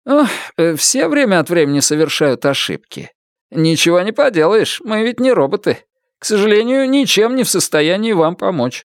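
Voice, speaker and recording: A man's voice: high voice, very animated, moderate pace, dry recording, studio quality, voice pushed up. A man voicing a flustered, evasive middle-aged male realtor who hems and mumbles. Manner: hesitant, hemming and mumbling.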